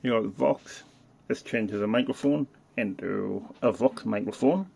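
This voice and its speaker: This hobbyist reviewer talks unhurriedly in a fairly low, slightly mellow voice thick with gravelly fry. Demonstrating hands-on, he stays casual and unscripted, stopping to muse aloud as he goes through every feature.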